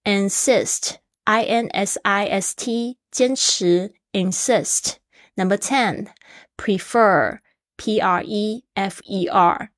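A woman's voice: medium pitch, extremely slow, no echo, clean studio sound. A woman hosting a casual English lesson podcast, chatty and spelling words out letter by letter. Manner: laughs easily. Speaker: English teacher and podcast host.

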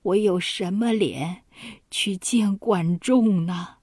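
A woman puts on an old duke near death in a storybook tale. He speaks slowly and faintly, his husky voice broken by sighs and pauses. He is full of regret and weak in body. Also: medium pitch, darkish tone, no echo, studio quality. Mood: mournful. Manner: feeble, sighing, halting speech. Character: dying old male duke, weak and remorseful. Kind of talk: children's story narration.

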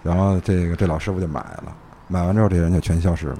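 A Beijing-accented police officer, appearing as a guest, relates case stories in a casual, anecdotal way, repeating phrases and posing rhetorical questions. His voice sits low, mellow with a breathy edge, at a quick pace.

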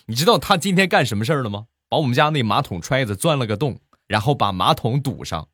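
A man's voice: mid-range voice, lively intonation, fast, a bit bright, no echo, studio quality, pitched above the performer's own voice. A man voicing an agitated middle-aged neighbor, a fed-up father ranting in exasperation. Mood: exasperated.

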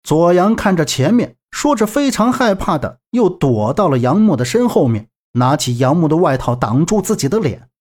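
Expressive male audiobook narrator. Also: fairly high pitch, moderate pace, few pauses. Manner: even storytelling, acts out the dialogue.

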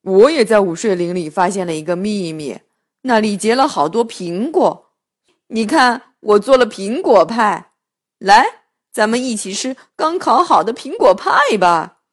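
Generous storybook wolf, kind and deeper-voiced, as a woman acts him out. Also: expressive, a little slow. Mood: friendly. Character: friendly male wolf who bakes.

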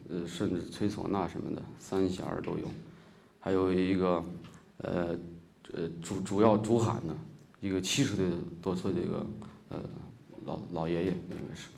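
A man from Shaanxi with a Shaanxi accent, a musician telling a personal story on stage, often pausing with filler sounds. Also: sits low, level tone, vocal fry, a little mellow. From Shaanxi, China. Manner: hesitant, many filler sounds. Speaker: musician giving a stage talk. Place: stage at a talk event.

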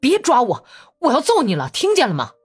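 A woman's voice: lowish voice, big pitch swings, moderate pace, husky, faint music behind. A woman reading an audiobook voices a strong young Cossack man who speaks in a tense, pressing way. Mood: threatening.

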